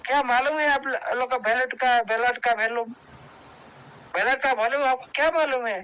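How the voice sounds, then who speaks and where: A man speaking in an online meeting, urging his listeners to take decisions, talking in repetitive, halting bursts with restarts. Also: extremely high pitch, pushed and bright, clear, resonant tone, poor audio. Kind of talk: motivational speech to a group. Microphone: video call.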